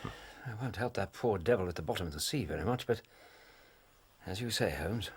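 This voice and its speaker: An actor playing a gentle, wry male doctor and companion in a radio drama, with dry, understated remarks. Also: deep voice, lively intonation, moderate pace, slightly rough, full character voice. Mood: melancholy.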